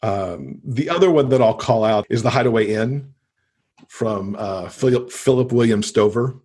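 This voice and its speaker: An American man, a book lover appearing as a podcast guest, chats casually and enthusiastically while recommending books. His voice sits in the mid range with a darkish tone, and he speaks at a moderate pace.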